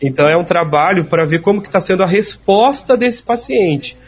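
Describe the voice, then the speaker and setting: A man's voice: high voice, lively intonation, moderate pace, husky. A man, a speech therapist patiently explaining treatment step by step in an interview.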